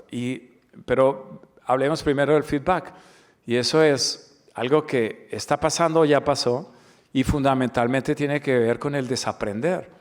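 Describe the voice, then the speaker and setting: A man from the Dominican Republic giving a corporate training webinar, emphatic and fond of rhetorical questions and repeated key words. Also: medium pitch. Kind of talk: webinar lecture.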